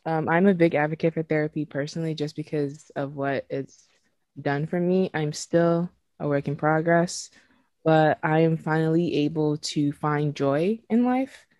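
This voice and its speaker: A woman's voice: deep voice, a little mellow, no echo. A woman in her twenties, from Nigeria, talking frankly and emotionally as a podcast host, swearing casually and laughing between thoughts. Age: 20s. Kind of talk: candid podcast conversation.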